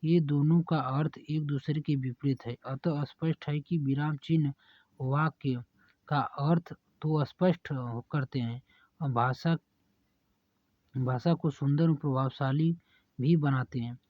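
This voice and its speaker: A man's voice: fairly high pitch, unhurried, dry recording. Man dictating exam answers, dry lo-fi sound. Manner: steady dictation-like reading with self-corrections. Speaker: teacher. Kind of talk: reading exam answers aloud.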